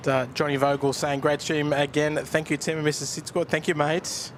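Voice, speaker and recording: A man's voice: a little high, flat delivery, normal speed, a little hiss or hum. A man hosting a plane-spotting livestream with casual, matey commentary, chatting to viewers. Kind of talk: casual live commentary and chat.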